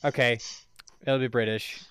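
A man's voice: mid-range voice, fairly even intonation, normal speed, a bit bright, clean tone, no room sound, clean studio sound. A man playing a tabletop game with friends, laughing often, swearing, rambling. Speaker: player. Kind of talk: casual tabletop game chat.

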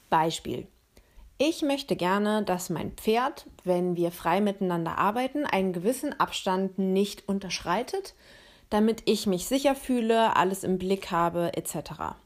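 A woman hosting a podcast, explaining ideas in a clear, steady way and speaking directly to her listeners. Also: medium pitch. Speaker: podcast host.

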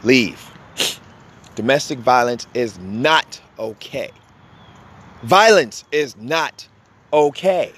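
A man hosting a podcast, delivering a fiery, blunt and profane monologue, hammering his points home by repeating them. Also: a little high. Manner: emphatic, repeats points for force. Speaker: podcast host. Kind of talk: impassioned monologue.

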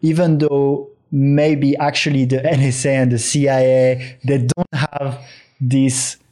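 A man's voice: mid-range voice, level tone, slow, warm tone. A man hosting a conversational interview, speaking in a reflective, tentative way. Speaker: show host interviewer.

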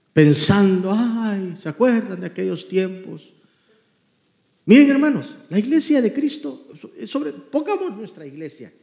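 A man preaching a sermon as pastor, fervent and shouting at peaks, then dropping to quiet storytelling. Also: a little high, roomy sound.

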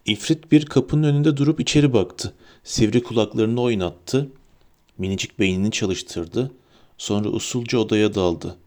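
A man narrating a storybook in a lively, dramatic reading. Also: on the low side, moderate pace. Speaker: audiobook narrator.

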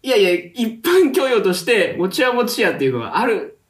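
A man co-hosting a casual chat, teasing his partner with quick questions and frequent laughter. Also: high-pitched, very animated, crowd noise. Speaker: podcast co-host.

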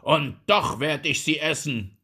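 A man reading a fairy tale, voicing a proud, hot-tempered duke in a loud, pompous, commanding voice. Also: mid-range voice, expressive, a little slow, breathy edge, full character voice. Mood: furious.

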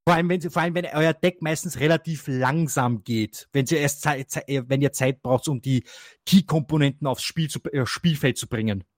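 A man talking on a casual card game podcast. His voice sits a little high and sounds dry and close. He rambles, restarts sentences and laughs often. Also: normal speed, no room sound. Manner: rambling with many restarts and fillers. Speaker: co-host.

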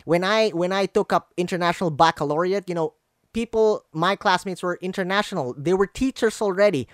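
A Filipino man with a Filipino accent speaks English as a second language as a guest speaker and branding coach on an online video call. His high voice moves fairly quickly through earnest, conversational motivational coaching, repeating phrases for emphasis. The sound is clean and studio-like, with no echo.

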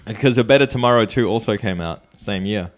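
A man's voice: fairly low pitch, fast talker. A man co-hosting a podcast, reading out film trivia with hesitant fillers. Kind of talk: casual chat.

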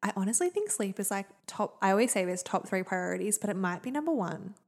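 A woman's voice: mid-range voice, expressive, fast talker. A young woman hosting a podcast, chatting casually with lots of fillers. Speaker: podcast host. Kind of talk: casual chat.

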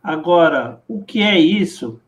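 A Brazilian man co-hosts a live show in casual chat. His voice sits high and moves around a lot in pitch. He is playful and quick to exclaim. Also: animated.

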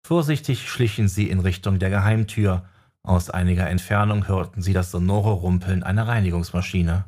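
A man reading a fantasy audiobook in steady scripted narration. His voice is low-pitched with a husky, slightly breathy grain. He tells the story at an even storytelling pace.

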